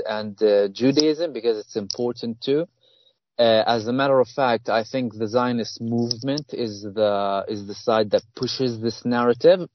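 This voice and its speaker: A man from Palestine, a guest author in an interview, talking earnestly and haltingly with many fillers and restarts. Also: medium pitch, dry recording, muffled recording. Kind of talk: interview conversation.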